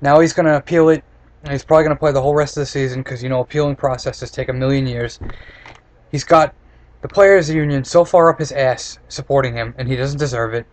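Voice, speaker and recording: A man's voice: mid-range voice, quick pace. A man in his twenties talking casually and bluntly, with sarcasm, as he reviews and rants into a webcam. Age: 20s. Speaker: snack reviewer. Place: small room indoors. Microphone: computer webcam at close desk distance. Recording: noisy webcam microphone with room noise.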